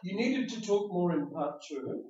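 A man with a high, warm, expressive voice gives IELTS speaking test feedback at normal speed. He's a patient teacher who explains thoroughly and repeats words while thinking, recorded by a distant, dull mic in an echoey classroom.

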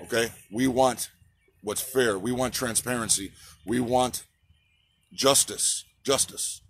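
A man's voice: medium pitch, fairly even intonation, takes it slowly, a little hiss or hum. A man in his forties giving an impassioned outdoor protest speech, repeating slogans and asking the crowd to answer back, recorded on a phone held at arm's length. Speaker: trucker activist. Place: outdoors on a city sidewalk by a park.

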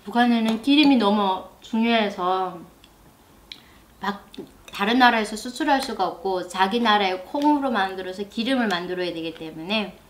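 Soft-spoken young woman from North Korea. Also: medium pitch, moderate pace, a little hiss or hum. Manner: soft-spoken, answers with short agreeing words. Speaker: North Korean defector guest. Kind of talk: casual chat over a meal. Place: living room, seated at a low table.

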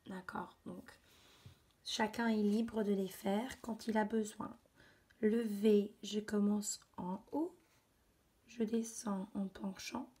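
A woman, teaching young children from her computer at home and slowly sounding out letters and words. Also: mid-range voice, dark tone, husky. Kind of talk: remote lesson for young children. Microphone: computer mic.

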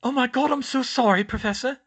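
In a storybook reading, a male reader voices a young teen witch girl who is clever, anxious and quick-tempered, using a tight, bright, high voice that's heavily acted and sing-song at a moderate pace. She pushes her words out loudly in high, strained, outraged outbursts, her pitch leaping and dipping with each thought. Her mood is a flustered apology, and she comes across as sharp-tongued.

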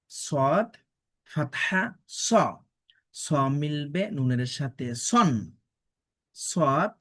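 A woman teaching Quran pronunciation, spelling out letters and vowel marks syllable by syllable and explaining patiently. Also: low voice. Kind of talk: pronunciation drill lesson.

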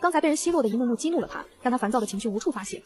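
A woman narrating a novel in the first person, in a brisk, even storytelling read. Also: on the high side, a little hiss or hum. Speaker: audiobook narrator.

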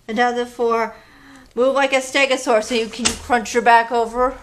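A woman's voice: fairly high pitch, little pitch movement, moderate pace, background noise. A young woman hosting a children's story time, guiding a child through movements and reading a picture book aloud in a sing-song, encouraging way. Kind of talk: leading a kids' movement activity and reading aloud.

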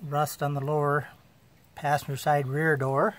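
Holding his phone camera, a man gives a relaxed tour of his old car, outside and then inside, in a matter-of-fact way full of fillers. He talks a little slowly in a slightly high voice that barely moves in pitch. There's a little hiss or hum.

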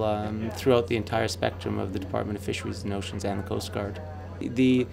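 A man, a ship's captain, talking in an on-camera interview on the bridge, relaxed and pausing with many fillers. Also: mid-range voice, gravelly, a little hiss or hum.

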